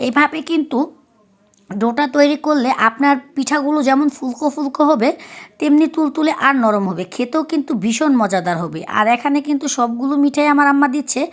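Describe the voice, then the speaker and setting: A woman from Bangladesh talks through a home recipe, explaining each step as she goes. Her voice sits high, and her delivery is chatty and easygoing. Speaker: cooking vlogger. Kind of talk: recipe narration.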